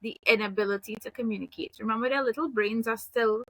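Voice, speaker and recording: A woman, a behavioral analyst and mother, calmly explaining with examples from her own home. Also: a little high, no room sound, rough recording. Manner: calm, measured, explains with examples. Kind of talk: explanatory conversation.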